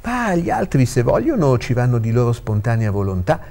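A man's voice: medium pitch, sing-song, fairly quick, warm tone, pitched above the performer's own voice. A man doing a jovial old lawyer. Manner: jovial, cheerful.

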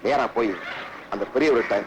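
An actor playing an earnest hero tired of living a double life in an old film. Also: male voice, medium pitch, brisk, lightly acted. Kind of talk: 1970s Tamil film acting. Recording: noisy old film soundtrack.

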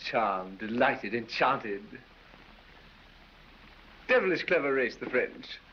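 A man's voice: medium pitch, big pitch swings, slow, bright, forceful tone, exaggerated voice. A man playing a foppish, affected English aristocrat with an English accent, drawling and silly, in 1930s film acting. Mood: foppish banter. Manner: drawling, silly, laughs at his own jokes. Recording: dull 1930s film soundtrack with faint hiss.

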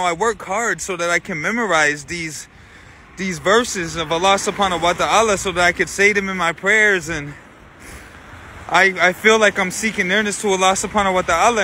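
A man's voice: high voice, pushed and bright, slight background noise. A man in his thirties filming himself on a phone while walking outdoors, talking earnestly and saying "you know what I'm saying" over and over. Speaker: vlogger. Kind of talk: walking selfie vlog. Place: outdoors on a street in cold weather. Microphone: phone held at arm's length.

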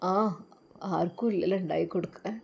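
A woman voicing a gentle, pious elderly widowed mother who speaks softly and tenderly. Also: on the low side, steady tone, quick pace, gravelly. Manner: soft, tender, comforting.

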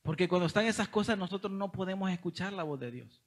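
A man's voice: high voice, fast talker. A young man from El Salvador with a Salvadoran Spanish accent, telling a testimony in a sermon and often calling listeners brother. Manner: animated storytelling, addresses listeners as brother. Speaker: preacher.

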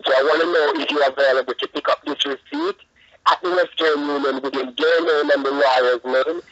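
A man working as a telemarketer, reciting a scripted pitch in a rushed, insistent, repetitive manner over the telephone. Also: animated, fairly bright tone. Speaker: telemarketer (scam caller). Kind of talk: scripted phone sales pitch. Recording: muffled telephone call audio.

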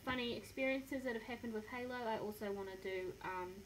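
This vlogger, a woman in her twenties with a New Zealand accent, talks briskly in a slightly high voice to a phone camera close to her face in her small bedroom. Upbeat and poking fun at herself, she's captured on poor audio with slight background noise.

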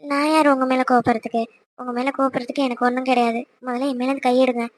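A woman voicing a possessive, jealous young wife in a cartoon, talking in a quick, scolding, emotional way. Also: sits high, level tone, natural voice. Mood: annoyed. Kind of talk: cartoon voice acting.

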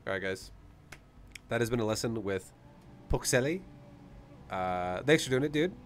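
With lively intonation and a moderate pace, a man in his thirties coaches a gamer informally and encouragingly, his medium-pitched voice captured on a close mic. He's a gaming coach and streamer, and the recording has faint background noise.

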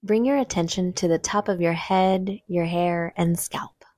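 A woman guides a meditation, speaking gentle, unhurried instructions with long pauses between phrases. Her pitch is fairly low, and there's no room sound.

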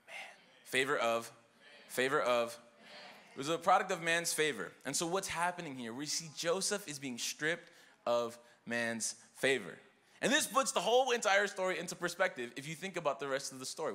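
A man's voice: on the high side, pushed and bright. A young man preaching a sermon in a church, casual and conversational, with fillers and call-and-response to the congregation. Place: church auditorium.

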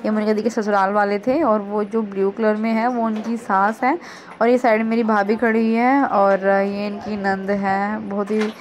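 A woman's voice: mid-range voice, level tone, normal speed. A young woman vlogger narrating her sister's engagement clips in a chatty, casual way, often repeating "so guys".

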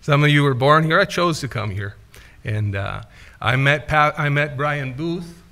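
A fairly high-pitched, sharp-toned voice belongs to a middle-aged man giving an unhurried, expressive missionary report from a church's wooden pulpit. His talk is conversational, punctuated by lots of "uh" fillers and hand gestures. A pulpit mic records him, and the camera is distant.

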